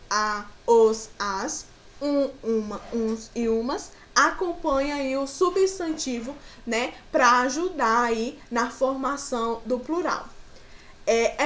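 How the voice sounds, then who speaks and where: A woman's voice: sits high, fairly bright tone. A woman with a Brazilian Portuguese accent teaching a grammar lesson to children, patiently walking through example words.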